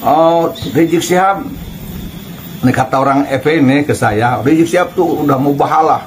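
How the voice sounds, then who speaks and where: A man's voice: on the high side, normal speed, a little hiss or hum, low-quality recording. A man giving casual online commentary, chuckling and firing off pointed rhetorical questions. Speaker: YouTube commentator.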